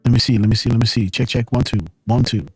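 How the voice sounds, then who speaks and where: A man's voice: mid-range voice, steady tone, a little mellow, slightly rough, dry recording, soft background music. A man hosting a livestream, talking casually in a rambling way while his stream audio comes through garbled and crackling. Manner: rapid, rambling, filler-heavy talk. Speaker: livestream host.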